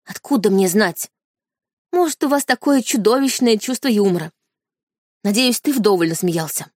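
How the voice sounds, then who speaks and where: Audiobook heroine: woman reader as a desperate wife, urgent and shaken, pitched up and louder than the narration. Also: lively intonation, moderate pace, dry recording, clean studio sound, close to an everyday voice. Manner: urgent, pleading, agitated. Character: desperate young wife, frantic and furious. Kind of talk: audiobook character reading.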